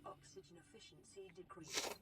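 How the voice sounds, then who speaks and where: A voice performing a gentle care robot, a calm onboard computer assistant with a synthetic computer sound, giving even, informative announcements. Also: extremely high pitch, moderate pace, gravelly, exaggerated voice. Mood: advisory. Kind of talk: in-game system announcements.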